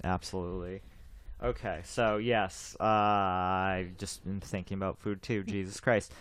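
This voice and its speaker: A man's voice: low voice, level tone, a little slow, a bit bright. A man in his twenties hosting a podcast in casual chat, rambling, repeating himself and laughing often. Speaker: podcast host.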